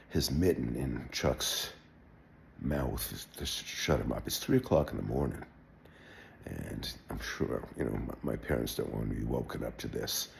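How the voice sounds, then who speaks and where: An older man telling a wry personal anecdote in a relaxed, halting way, with wry understatement. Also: rumbling low, creaky, a little hiss or hum. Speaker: storyteller. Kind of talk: personal anecdote told aloud.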